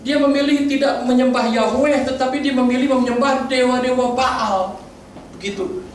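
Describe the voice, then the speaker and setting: A man's voice: extremely high pitch, fairly even intonation, normal speed, recorded from a distance, slight background noise. A male pastor preaching a sermon, asking the congregation many questions, often stumbling and restarting words. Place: church hall. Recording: very echoey church hall, voice from afar.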